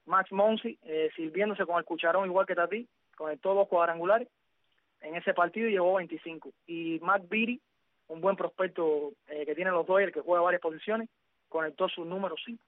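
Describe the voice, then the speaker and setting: High-voiced man reading baseball scores. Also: moderate pace, no room sound. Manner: methodical, frequent "eh" fillers. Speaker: sports radio host. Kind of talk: baseball results rundown. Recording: dry, phone-like narrow sound.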